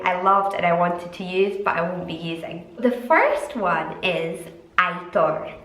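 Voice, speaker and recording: A young Scottish woman chats casually to her camera, giggling now and then and drawing out her favourite words. Her voice sits in a middling pitch. She is recorded in a noticeably echoey room. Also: a bit bright. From Scotland. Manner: chatty, giggly, drawn-out emphatic words. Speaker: vlogger and mother of two.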